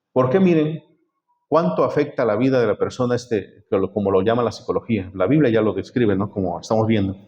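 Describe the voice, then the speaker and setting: Pastor preaching in church, keeps asking the congregation if they're listening, mid-pitch voice. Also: male voice, darkish tone. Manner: preaching, quizzing the congregation with rhetorical questions. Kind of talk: sermon.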